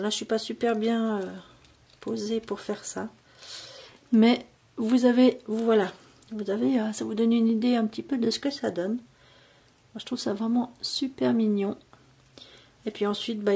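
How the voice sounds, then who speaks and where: A woman's voice: medium pitch, vocal fry, darkish tone, breathy edge. A woman chatting casually at home while showing a craft, hesitant and full of fillers and restarts. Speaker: crafting vlogger. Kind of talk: casual vlog chat, crafting tutorial.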